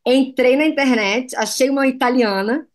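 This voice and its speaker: A Brazilian woman with a Brazilian Portuguese accent, a fashion designer telling lively anecdotes as a guest in a TV interview. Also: sits high, normal speed. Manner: lively anecdotes, slips into foreign phrases. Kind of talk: TV interview storytelling.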